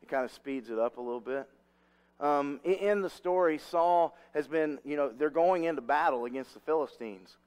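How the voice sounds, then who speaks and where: Conversational male preacher, high-pitched. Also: moderate pace, a little mellow, clear, resonant tone. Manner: conversational, rambling, many restarts. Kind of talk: sermon with personal stories.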